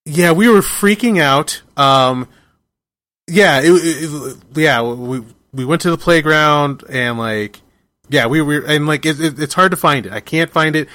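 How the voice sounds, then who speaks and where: A man in his forties hosting a podcast, telling stories in a rambling, animated way with many restarts. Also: a little high, a little slow, dry recording. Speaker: podcast host. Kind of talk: casual chat.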